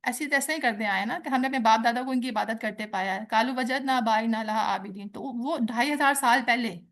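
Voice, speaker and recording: A woman lectures on scripture, her speaking voice pitched slightly high. She explains step by step and slips easily between languages, quoting Arabic lines and then unpacking them for her students. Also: brisk, fairly bright tone. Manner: explanatory, mixing in English and quoted Arabic. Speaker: teacher. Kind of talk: religious lecture.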